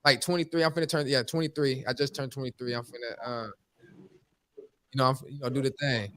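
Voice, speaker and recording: Fast-talking young man rambling on a podcast. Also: mid-range voice, fairly even intonation, a bit bright. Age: 20s. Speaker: podcast host. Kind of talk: casual podcast chat.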